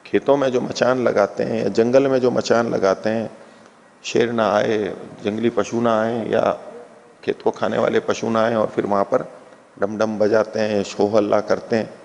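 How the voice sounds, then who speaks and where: A man with a gravelly, creaky voice teaches a classical philosophy text. He takes his time, repeating each term and breaking it down for his listeners. His voice carries a long reverb, as if he is speaking in a large hall. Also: fairly low pitch, flat delivery, a little slow, a little mellow, lo-fi sound, slight background noise. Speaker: scripture teacher. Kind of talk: explanatory lecture on a philosophy text.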